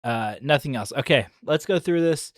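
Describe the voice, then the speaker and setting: A man giving a casual, chatty reaction commentary as an online video creator, excitable and full of ums. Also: on the high side, moderate pace, dry recording, clean studio sound.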